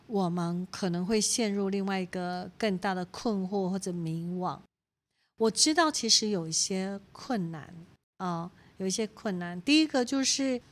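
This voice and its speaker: A woman in her forties with a Taiwanese Mandarin accent, a pastor's wife giving a teaching talk full of personal stories, acting out quotes and laughing often. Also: medium pitch. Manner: animated storytelling, acts out quoted speech, laughs often.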